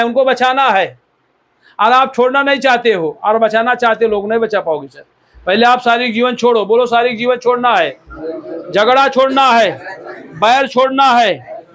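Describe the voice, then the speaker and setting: A man's voice: very high-pitched, fairly bright tone. A man from India preaching a sermon as pastor, exhorting the listeners and repeating key words for emphasis.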